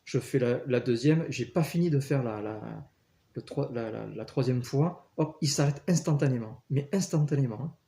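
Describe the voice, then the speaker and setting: A man's voice: mid-range voice, normal speed, vocal fry, mellow. A man casually telling personal stories, earnest, with many fillers and restarts. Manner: earnest, storytelling. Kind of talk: casual spoken testimony.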